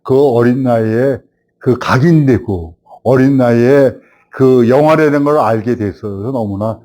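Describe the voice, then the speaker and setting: An older man in his seventies, a veteran film director, reminisces in an easy storytelling manner. His voice sits in an ordinary middle pitch and lifts with animation whenever he relives an old memory. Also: unhurried. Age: 70s. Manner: animated storyteller, rising when recalling the past.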